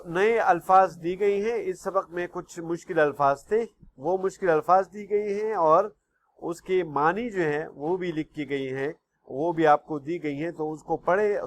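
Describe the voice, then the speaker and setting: Man, school teacher, online class lesson, patient and repetitive, slightly high-pitched. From Pakistan. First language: Pashto. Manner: patient, repeats words slowly, keeps asking "okay?".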